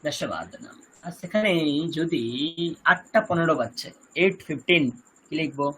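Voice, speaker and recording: A Sanskrit teacher with a Kolkata Bengali accent giving an online lesson over a video call, reciting terms slowly one by one and quizzing the class. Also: mid-range voice, lively intonation, a bit bright, breathy edge, rough recording.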